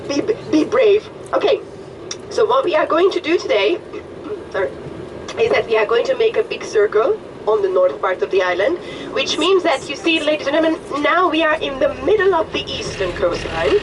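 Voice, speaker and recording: A woman with a Hungarian accent, a tour guide giving chatty, joking commentary on a coach, her voice a little hoarse. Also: high voice, sing-song, normal speed. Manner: friendly, chatty, joking with the group. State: slightly hoarse. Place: tour bus. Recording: distant voice with vehicle noise.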